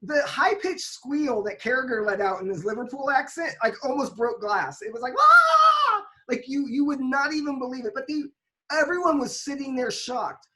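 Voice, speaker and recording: With a high-sitting voice at a moderate pace, a woman chats on a podcast, retelling a soccer game in an animated, play-by-play style full of restarts and emphasis.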